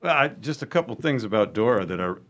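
Man, chorus director, animated intonation, chatty. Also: on the low side, fast. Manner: chatty, prompting, laughs along. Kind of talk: casual interview chat.

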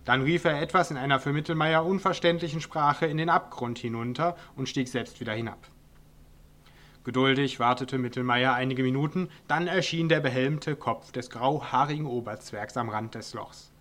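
A man's voice: mid-range voice, moderate pace, fairly bright tone. A man reading his own comic story aloud in a dry, wry storytelling manner. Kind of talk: audiobook narration.

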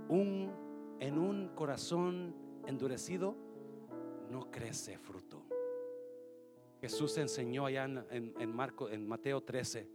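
A man preaching an impassioned sermon, mixing in English phrases and at times rising to a shout. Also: fairly high pitch, creaky. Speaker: pastor.

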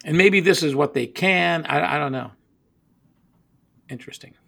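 A man's voice: on the high side, moderate pace, vocal fry, a bit bright. A man hosting a casual beer podcast, rambling with stammered restarts and laughing often. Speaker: podcast host.

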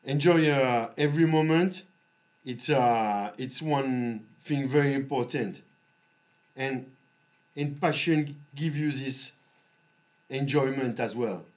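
Man, slow pace, mid-range pitch, halting delivery, long pauses, motivational podcast monologue. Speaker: podcast host.

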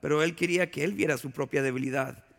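Predicador de voz aguda y rasposa en una sala con eco. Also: male voice, on the high side, fast talker, fairly bright tone. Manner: conversational preaching with vivid storytelling and rhetorical questions. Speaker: pastor. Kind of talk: sermon. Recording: long hall reverb.

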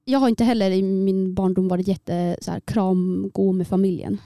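A woman's voice: mid-range voice, fairly even intonation, mellow, no room sound, clean studio sound. A young woman co-hosting a podcast in casual chat, talking hesitantly with many fillers and laughing easily. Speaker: podcast co-host.

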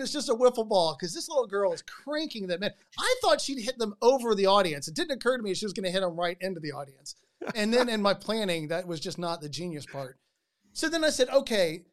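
A podcast host telling a story with lively energy, often repeating words as sentences start. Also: medium pitch.

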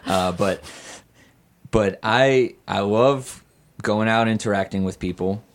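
A man's voice: on the low side, takes it slowly. A hungover man chatting candidly and casually as a podcast guest, a bit hesitant and rambling.

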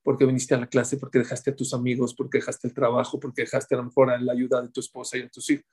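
A man giving a Torah class, animated, talking straight to his listeners and acting out quoted voices with big swings in pitch and loudness. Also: quick pace, breathy edge. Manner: speaks directly to listeners, acts out quoted voices. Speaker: rabbi teaching a Torah class.

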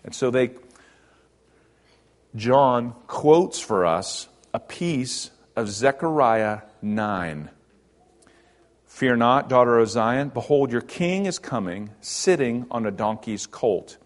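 A man's voice: mid-range voice, lively intonation, takes it slowly. Conversational man preaching a sermon. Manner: conversational teaching, rising to emphatic bursts and dropping to quiet. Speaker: pastor.

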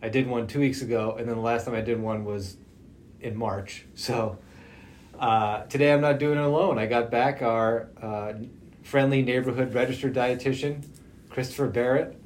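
A man's voice: mid-range voice, fairly even intonation, moderate pace, darkish tone. A man hosting a casual podcast conversation, talking through a face mask so his voice comes out slightly muffled. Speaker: podcast host. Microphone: socially distanced podcast setup. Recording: muffled through mask, noticeable background noise.

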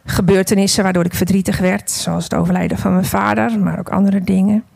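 Gentle, gravelly-voiced woman storyteller. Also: medium pitch, flat delivery, brisk, no room sound. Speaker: speaker sharing a parable and testimony. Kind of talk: devotional storytelling.

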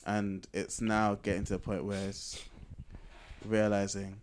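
With slight background noise behind him, a man co-hosts a casual conversational podcast in a fairly low, level voice at a slightly slow pace. He explains his thoughts reflectively, correcting himself along the way.

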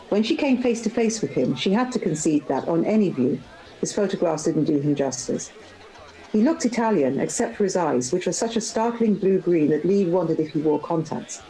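A woman author reads her own fiction aloud in a measured, steady narration. Her voice is low and mellow, and soft music plays faintly underneath. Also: low-quality recording.

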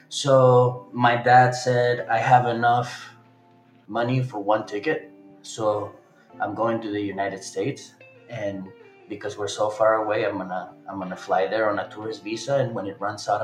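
A man in his thirties, originally from Chile, recounts his path into organizing in a casual, halting way. His voice sits a little low. The room around him gives it a noticeable echo. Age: 30s. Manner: relaxed, halting, with frequent restarts. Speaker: interviewee, organizer. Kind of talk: casual storytelling.

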